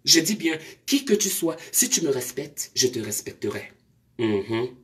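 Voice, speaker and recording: A woman's voice: a bass voice, very animated, measured pace, a bit bright. A woman, scolding her commenters during a live stream with confrontational rhetorical questions.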